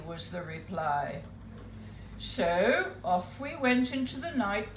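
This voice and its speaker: Slow, expressive woman reading her memoir. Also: on the high side, a little hiss or hum. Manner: unhurried, expressive storytelling. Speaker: spoken word performer. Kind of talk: reading a memoir piece aloud. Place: live spoken word venue. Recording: roomy live venue.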